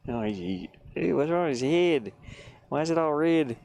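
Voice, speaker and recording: A game-making streamer broadcasts live from his van, casually musing aloud as he works and leaving thoughts unfinished. He speaks with a fairly high pitch, vocal fry and a moderate pace amid steady background noise.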